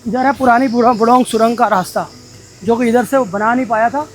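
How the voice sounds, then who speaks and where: A man vlogging a mountain toy train ride, talking casually and excitedly to his viewers. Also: extremely high pitch, brisk. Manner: chatty, excited, addresses viewers as brothers. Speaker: travel vlogger. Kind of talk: casual travel vlog narration. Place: aboard a mountain toy train and on station platforms.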